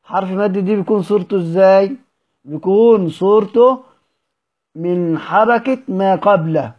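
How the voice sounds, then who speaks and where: A high-pitched Egyptian man teaching a recitation lesson. He poses questions and answers them himself, stretching out example words slowly. The recording sounds dull and lo-fi. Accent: Egyptian Arabic.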